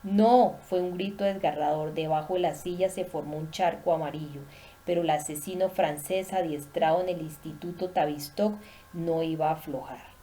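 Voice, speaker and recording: A woman's voice: deep voice, fairly even intonation, normal speed, mellow, a little hiss or hum. A woman reading a thriller aloud, murmuring and insistent, repeating words. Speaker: narrator. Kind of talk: dramatic audiobook reading.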